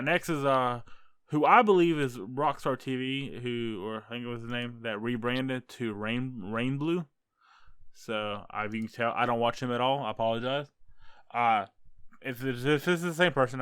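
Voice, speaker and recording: Easygoing young American man, clear dry voice. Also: mid-range voice, fairly bright tone, no echo. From United States. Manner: rambling, self-correcting, jokey. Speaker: YouTuber ranking fellow creators. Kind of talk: casual tier-list commentary.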